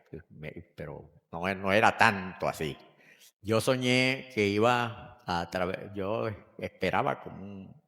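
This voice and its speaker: An older male pastor preaching a sermon, moving between loud emphatic lines and quiet personal storytelling. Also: fairly low pitch. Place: church hall. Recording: long hall reverb.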